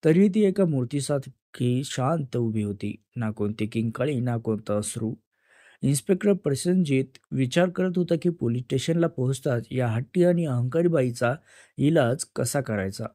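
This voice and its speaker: A man narrating a dramatic story in a steady storytelling manner. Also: mid-range voice, normal speed, no room sound, clean studio sound.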